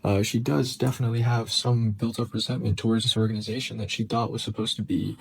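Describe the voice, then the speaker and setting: A man hosting his own channel, giving an excited, gushing breakdown of a new show's first episode with frequent ums and restarts. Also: on the low side, fast, creaky, husky, rough recording. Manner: enthusiastic, gushing fan. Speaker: show reviewer and channel host.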